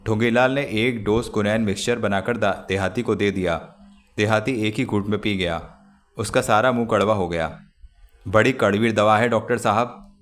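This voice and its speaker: A man narrating a novel as an audiobook and hosting his own channel, in a measured, even storytelling manner. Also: lowish voice.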